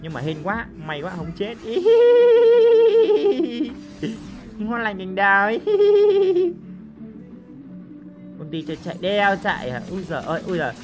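Excitable man doing game commentary. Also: high-pitched, fast talker, few pauses. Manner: excitable, full of exclamations and repeated cries; joking, boastful banter with viewers. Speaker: mobile game streamer. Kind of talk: live gameplay commentary. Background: game music.

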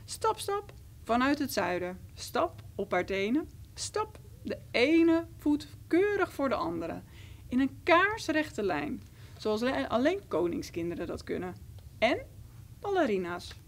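A woman reading a romantic children's fairy tale aloud, expressive and rhythmic. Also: fairly high pitch, unhurried. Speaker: storyteller. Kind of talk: children's story read aloud.

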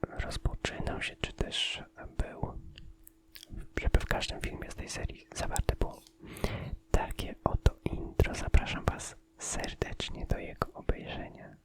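A man gives a casual ASMR channel update in a soft, unvoiced whisper. He phrases things hesitantly and speaks a little slowly.

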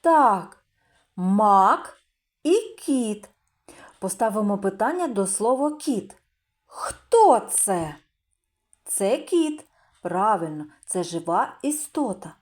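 A woman's voice: medium pitch, very animated, takes it slowly, long pauses. A woman teacher giving a recorded literacy lesson to young children, asking questions, drawing out speech sounds and answering with praise. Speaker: primary school teacher.

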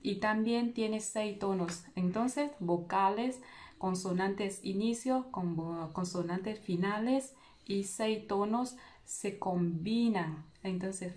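A Vietnamese woman, a non-native speaker with a Vietnamese accent, patiently explaining a language lesson with rhetorical questions and halting, searching phrasing. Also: mid-range voice, darkish tone. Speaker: language teacher.

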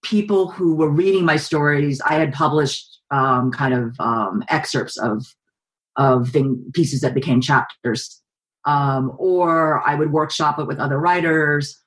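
Speaking through her webcam on a video call, a Bay Area woman in her forties, a writer and journalist, is interviewed from her home living room. She has a low-pitched voice and answers in a considered, even manner, pausing often.

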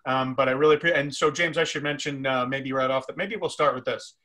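A middle-aged man hosting a live video-call interview, introducing guests with halting, hesitant phrasing. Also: mid-range voice, sharp tone. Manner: halting, many fillers and restarts. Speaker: festival program director, host. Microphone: webcam on video call.

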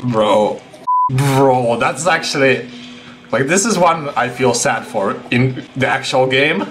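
A game streamer in his twenties gives casual live commentary, reacting with exclamations and talking to his chat. His medium-pitched voice runs a little slow. He's indoors in a small home room, and background game noise comes through clearly.

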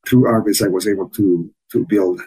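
This podcast interview features a chamber of commerce officer from Ecuador, a native Spanish speaker with a heavy Ecuadorian accent. He speaks earnestly at a normal speed in a fairly low, dark voice with a breathy edge, often restarting and repeating words. Audio quality is low.

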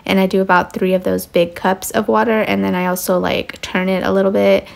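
A woman's voice: medium pitch, brisk, gravelly. A mother narrating her home cleaning in a casual, rambling way with many fillers. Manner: relaxed, rambling, lots of fillers.

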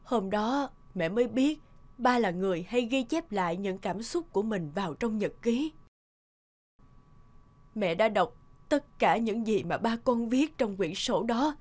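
A tender mother from an animated family drama speaks softly, sentimentally, and without hurry in a voice on the high side. She sounds reflective and regretful, like someone confiding a long-held regret to her son.

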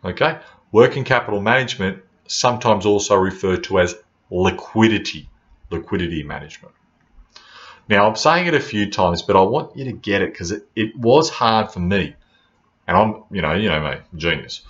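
A man's voice: lowish voice, lively intonation, normal speed. A man in his thirties giving an informal lesson to camera as a teacher, blunt and colloquial, repeating points for emphasis. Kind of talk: informal classroom lecture to camera. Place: small indoor room at home or office. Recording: slightly dull webcam audio.

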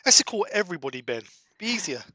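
A man's voice: high-pitched, very animated, quick pace, sharp tone, no room sound. A man hosting a casual woodturning livestream from his workshop, chatting and laughing easily while he works at a lathe. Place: home workshop at a wood lathe.

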